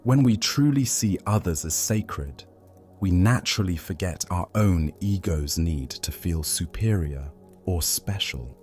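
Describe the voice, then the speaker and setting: Man, very low voice, slow soothing sleep narration, calm and measured, quiet music underneath. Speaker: narrator of Buddhist teachings.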